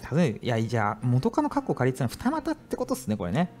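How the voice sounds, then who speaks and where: A young man commentating a horror game, reading the text aloud and reacting with frequent high, loud panicked yelps. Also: huge pitch swings, quick pace. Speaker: virtual YouTuber streamer. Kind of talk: game let's play commentary.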